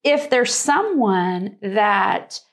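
A woman's voice: mid-range voice, animated, very slow. A woman co-hosting a faith-based talk show, speaking in an earnest, reflective conversational way. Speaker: co-host.

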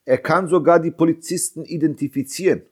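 In an impassioned interview, a bereaved father from Germany in his fifties speaks a little fast, his voice slightly high and a little mellow. Indignant and emphatic, he keeps repeating his points and throws out rhetorical questions.

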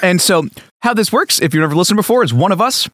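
A man's voice: sits high, fast talker, dry recording, studio quality. A young man co-hosting a casual comedy podcast, telling a story with a chuckle. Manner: animated storytelling, chuckles often. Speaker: podcast co-host.

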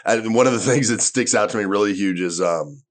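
A man's voice: on the low side, brisk. A man in his forties, a stand-up comedian, chatting loosely and rambling with casual swearing. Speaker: stand-up comedian, podcast guest. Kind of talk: casual chat.

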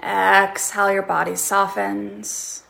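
A woman guiding a relaxation meditation, counting breaths slowly and leaving long pauses between short phrases. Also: medium pitch, level tone, vocal fry, a bit bright.

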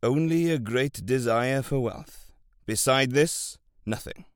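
A man voicing a humble, dignified wealthy old man of about seventy who answers calmly and plainly. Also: medium pitch, takes it slowly, clean tone, no room sound, studio quality, lightly acted. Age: 70s.

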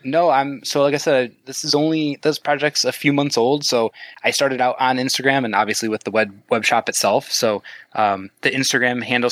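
A man's voice: mid-range voice, fairly bright tone, no room sound. A Canadian man talking as a guest on a podcast, joking and chatty, often restarting his sentences. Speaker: guest, maker of 3D-printed retro decor. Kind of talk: casual podcast chat.

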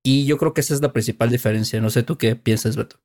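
A man's voice: mid-range voice, fast, a little mellow. Mexican man chatting, full of fillers. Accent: Mexican Spanish. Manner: chatty, many fillers like "este". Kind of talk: casual chat.

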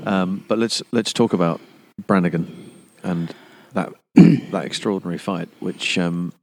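A man hosting an interview in a jokey, theatrical way, prompting his guest and riffing on his stories. His voice sits somewhat low in pitch. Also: a little slow, a little mellow, no echo. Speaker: interview host. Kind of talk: lively interview chat.

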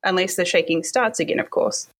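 A woman's voice: lowish voice, brisk. A woman hosting a casual interview, talking while crouched under a desk during an earthquake drill and asking curious, chatty questions, her voice drifting off the mic. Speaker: podcast host.

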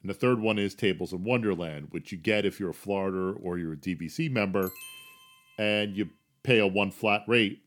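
Middle-aged jersey guy rambling on his podcast, kinda low voice, loud then mumbly. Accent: New Jersey. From New Jersey. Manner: chatty, self-deprecating, jumps between loud emphasis and low asides. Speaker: podcast host. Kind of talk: casual solo podcast.

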